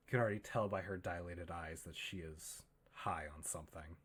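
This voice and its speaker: A man narrating a tabletop horror game as game master, in a measured, suspenseful way. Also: deep voice, fairly even intonation, a bit bright, slightly rough.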